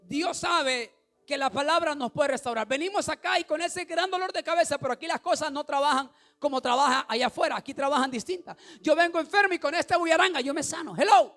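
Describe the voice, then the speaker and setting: A male pastor preaches with a strikingly high voice, asking his congregation questions and building up to shouted lines. Faint music plays behind him. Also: fast talker. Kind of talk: sermon.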